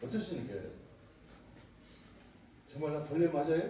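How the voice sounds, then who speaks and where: A middle-aged man, a pastor and missionary, preaching a lively sermon, joking and quizzing the congregation with call-and-response questions. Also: a little high, normal speed, slight background noise. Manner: animated, joking, quizzes the congregation, laughs often. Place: church sanctuary. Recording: echoey room, mic at a distance.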